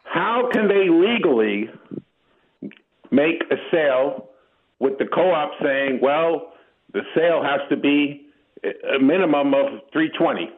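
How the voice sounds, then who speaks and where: A male caller comes through over the phone, the sound tinny and narrow. He talks at an unhurried, deliberate pace, laying out his question step by step in a slightly raised voice. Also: fairly high pitch, animated.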